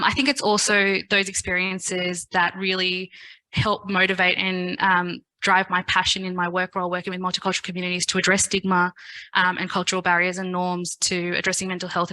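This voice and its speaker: A woman in her thirties, from Fiji, speaks earnestly at a forum, her voice a touch emotional. Her tone is bright but sits a little low, and her delivery stays level. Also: rough recording. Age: 30s. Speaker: forum panelist. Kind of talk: personal speech at a forum.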